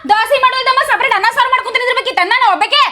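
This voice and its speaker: A woman's voice: extremely high pitch, racing, a little hiss or hum. A woman playing a snappy, sarcastic village wife. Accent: North Karnataka Kannada. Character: sharp-tongued village wife and mother. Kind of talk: comedy sketch acting. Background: loud background music.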